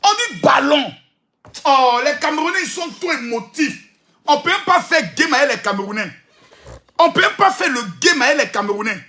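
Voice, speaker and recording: A man with an Ivorian French accent delivers a teasing, repetitive monologue, often shouting. His voice sits high and sounds bright and forceful. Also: expressive, moderate pace. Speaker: social media commentator. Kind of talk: animated provocative monologue.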